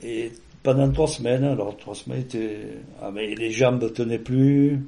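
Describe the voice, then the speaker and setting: A man with a warm, mellow voice speaks in a casual, conversational way, as if sharing memories with an interviewer. His speech rambles, full of fillers and restarts. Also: mid-range voice, steady tone, normal speed. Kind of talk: casual personal storytelling.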